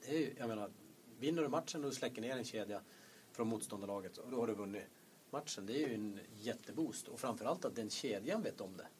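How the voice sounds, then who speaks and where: A man's voice: fairly low pitch, animated, darkish tone, a little hiss or hum. A man co-hosting a podcast, talking earnestly about former teammates and searching for words as he goes. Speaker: podcast co-host, former hockey player. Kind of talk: casual chat.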